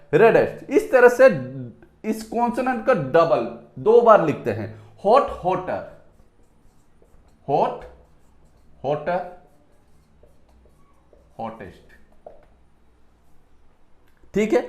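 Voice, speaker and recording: A man with an Indian accent teaching an English grammar lesson at a whiteboard, saying words slowly and repeating them, switching between Hindi and English. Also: high voice. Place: room with a whiteboard. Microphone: phone on a tripod. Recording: echoey room.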